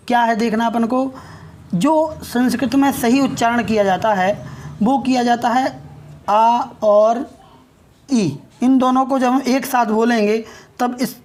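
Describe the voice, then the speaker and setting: A woman from India, teaching a pronunciation lesson in a slow, explanatory way and often checking in with her listeners. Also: medium pitch, darkish tone. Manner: spells out and drawls sounds for demonstration.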